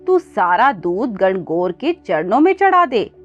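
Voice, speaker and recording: A woman voicing a kindly old Brahmin woman, a goddess in disguise, who talks gently and comfortingly, over faint music on a dull recording. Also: medium pitch, sing-song, measured pace.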